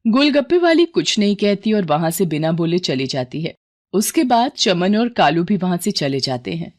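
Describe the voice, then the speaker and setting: A woman narrating a cartoon horror story in steady storybook style. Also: on the low side, moderate pace. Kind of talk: scripted narration.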